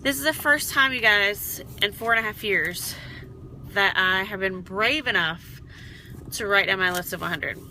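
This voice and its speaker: A woman with a very bright, sharp voice gives a chatty sales pep talk, encouraging her team and checking in with "okay?" as she goes. A faint hum sits behind her voice. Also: medium pitch, normal speed, low-quality recording. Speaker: direct sales team leader. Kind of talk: casual coaching vlog.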